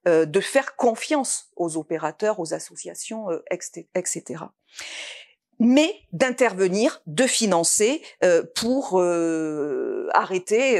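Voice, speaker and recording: A woman's voice: fairly low pitch, a little mellow. A woman speaking at a public meeting in a village hall, hesitant and full of fillers. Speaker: political candidate.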